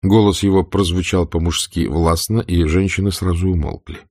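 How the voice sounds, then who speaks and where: Expressive male novel reader, low and husky. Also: moderate pace, no echo, studio quality. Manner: expressive reading. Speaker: narrator. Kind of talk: audiobook narration.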